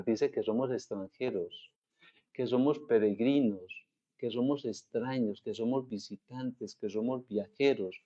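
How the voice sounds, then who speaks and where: Slow-preaching man with a dark voice. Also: mid-range voice, muffled recording. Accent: Colombian Spanish. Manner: slow, deliberate preaching, stretching scripture quotes. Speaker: pastor. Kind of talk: sermon.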